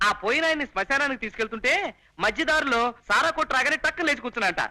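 An actor playing an excitable, lovestruck young man in a comedy film, talking in theatrical rapid patter. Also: very high-pitched, exaggerated voice. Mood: scheming. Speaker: comic young lover in a film. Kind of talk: Telugu comedy film acting.

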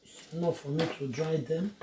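A woman's voice: sits low, normal speed. A woman vlogging a cooking tutorial from her home kitchen, chatting through each step to her viewers. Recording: roomy kitchen echo, faint noise.

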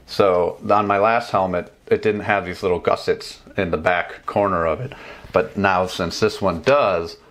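Unhurried and deep with a bit of brightness, this man's voice belongs to a motorcycle travel vlogger in his thirties. He casually demonstrates a gear install at his home desk in a small room with bookshelves, chatting along with fillers and restarts.

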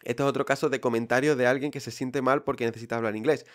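Man, Spain Spanish accent, casual podcast monologue, direct, reassuring, mid-pitched, frequent fillers. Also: fairly even intonation, fast talker. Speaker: podcast host.

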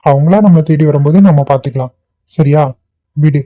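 A calm young husband, played by a man reassures in an even, slightly high voice. The homemade cartoon audio is tinny, phone-like and dry. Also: brisk, no echo, close to an everyday voice. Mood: reassuring. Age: young adult. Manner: soothing, steady. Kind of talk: amateur cartoon voice acting.

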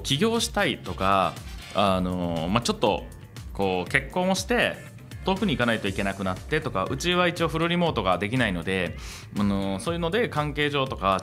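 This middle-aged man with a mid-range voice hosts a radio talk show reflectively and conversationally, mixing monologue with interviewing. He also founded a company, and he speaks at a table in a small room into a stand-mounted table microphone, with soft music in the background.

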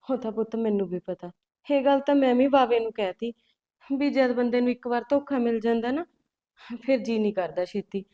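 A middle-aged woman playing a calm village mother who coaxes and soothes her grown children, with faint music behind. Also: on the high side, a little fast, close to an everyday voice. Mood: soothing. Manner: calm, coaxing, keeps calling her children "son".

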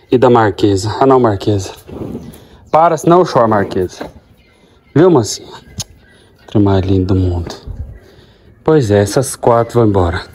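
A man's voice: medium pitch, a little mellow, a little hiss or hum. Tender farmer talking to his cows. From Goiás, Brazil. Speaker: farmer and vlogger. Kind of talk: casual farm vlog. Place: outdoors on a farm, by a corral.

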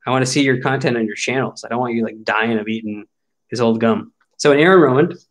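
A man's voice: medium pitch, fast. Wry, chatty man in his forties. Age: 40s. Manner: wry, chatty, grumbling jokingly at packs. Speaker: card break host. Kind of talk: casual card-opening commentary.

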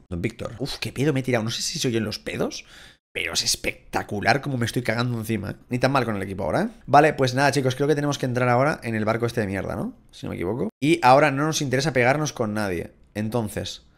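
A young man from Spain speaks with a Spain Spanish accent, commenting on a video game as he plays. His pitch leaps all over the place as he swears, shouts at the screen and drops back into muttering. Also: gravelly. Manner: excitable, crude, swears a lot, shouts at the game. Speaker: gaming YouTuber. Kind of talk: casual Let's Play commentary.

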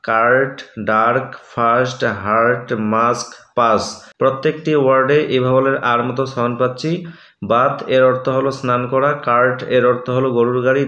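Man teaching a slow spoken lesson. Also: mid-range voice. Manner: explains step by step, says example words slowly one at a time. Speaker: English teacher. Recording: roomy, dull lo-fi sound.

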